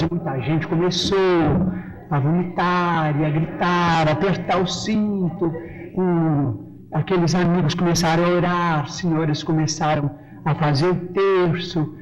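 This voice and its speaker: A man telling a humorous anecdote in an animated way, with dramatic exclamations. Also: fairly high pitch. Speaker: storyteller recounting an anecdote. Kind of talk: recorded talk, humorous anecdote. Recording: dull lo-fi archive recording with audience.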